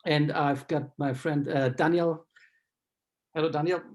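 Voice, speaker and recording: A man's voice: a little high, steady tone, a little slow. A man who is a doctor hosting an online interview, friendly and full of ums as he asks questions. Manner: friendly, with many ums while asking questions. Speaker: doctor and host.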